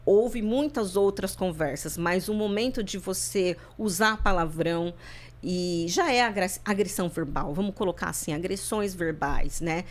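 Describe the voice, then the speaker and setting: A woman's voice: lowish voice, unhurried. A woman from Brazil, a therapist guest on a podcast, telling her story in a reflective way, often repeating and restarting words. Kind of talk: personal interview talk.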